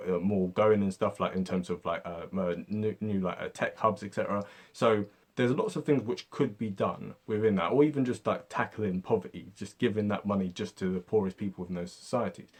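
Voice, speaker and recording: British guy talking through history stuff, lowish husky voice, keeps saying right and you know. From Britain. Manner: conversational, lots of fillers like "right?" and "you know". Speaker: history video host. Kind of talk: casual explainer.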